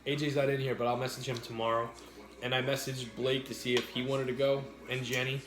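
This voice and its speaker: A man chatting casually as he co-hosts an eating show, with halting, repeated words and some mild swearing. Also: medium pitch, little pitch movement. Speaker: mukbang co-host. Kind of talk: casual chat while eating, answering viewers. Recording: roomy, echoey indoor sound.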